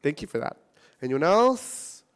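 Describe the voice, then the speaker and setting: A man speaking at a convention panel, answering audience questions in an animated, casual way and often adding tag questions. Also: a little high, measured pace, smooth. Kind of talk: casual Q&A talk. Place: convention hall.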